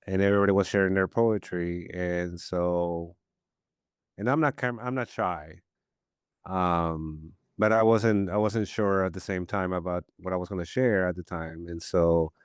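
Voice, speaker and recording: On a podcast, a Peruvian poet in his 50s, Spanish his first language, tells stories casually in a deep, smooth voice, getting animated, rambling, and restarting often. The sound is clean studio audio without any room sound.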